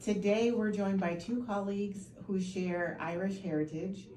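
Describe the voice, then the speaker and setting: A woman's voice: mid-range voice, fairly even intonation, a little slow, warm tone. A woman hosting, reading a prepared introduction. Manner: reads a prepared welcome. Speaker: host. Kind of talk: scripted introduction. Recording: echoey room, faint noise.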